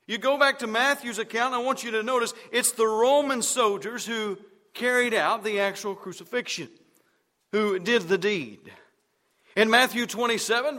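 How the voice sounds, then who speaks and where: Man, preacher, sermon, emphatic, bursts of shouting, high voice, long hall echo. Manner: emphatic, rising to shouts on key words.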